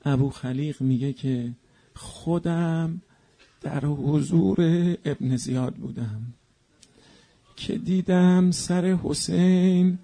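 High-voiced man chanting a mourning sermon. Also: vocal fry, dark tone. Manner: chanting, rising to wailing cries. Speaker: preacher.

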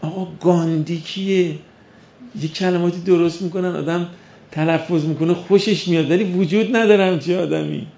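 A man's voice: high voice, fairly even intonation, creaky, a little mellow. A man preaching a sermon who keeps firing rhetorical questions at the audience and acts out the voices of imagined doubters. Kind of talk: religious sermon. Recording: dull lo-fi recording.

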